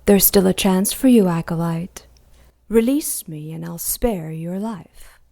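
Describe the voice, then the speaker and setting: A woman's voice: lowish voice, unhurried, gravelly, warm tone. An actress playing Lilith, an ancient female demon who is grandiose, menacing and contemptuous, in an audio drama.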